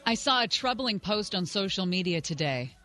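A woman's voice: mid-range voice, animated, moderate pace, sharp tone, faint music behind. A woman co-hosting a talk radio show in a casual, conversational way. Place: radio studio.

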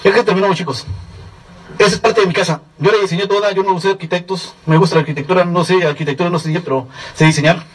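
A middle-aged Mexican man speaks to a seminar crowd in a slightly high, husky voice. He rattles through his story at a rapid pace and keeps checking in with the room. He sounds a little distant from the microphone. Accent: Mexican Spanish. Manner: rapid, animated storytelling with frequent "¿sí?" check-ins. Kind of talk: testimonial speech to an audience.

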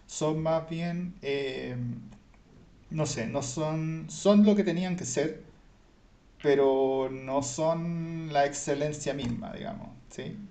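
A man's voice: a little high, mellow, reverberant. A man, co-hosting a casual film review chat, speaking thoughtfully with frequent hesitations. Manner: thoughtful, hesitant with many fillers. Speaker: podcast co-host.

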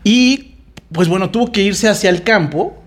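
A man's voice: sits high, normal speed. A Mexican man retelling a story in casual, slangy, profane chat. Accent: Mexican Spanish. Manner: slangy, profane, laughs often.

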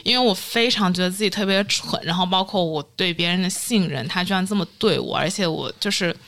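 A young woman, a podcast guest, telling a story in lively casual chat and acting out what people said. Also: fairly low pitch, brisk. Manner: animated storytelling, acting out quotes.

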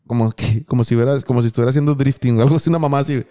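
A man's voice: medium pitch, fairly even intonation, rapid-fire, dark tone, clean tone. A young man with a Mexican accent, telling a crude, slang-filled story in casual chat. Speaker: podcast co-host.

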